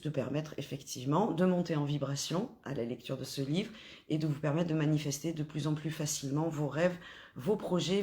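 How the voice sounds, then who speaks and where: A woman coaching spiritual followers in an informal talk, gently encouraging them while pausing often and restarting her sentences. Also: low-pitched. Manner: hesitant, full of pauses and restarts.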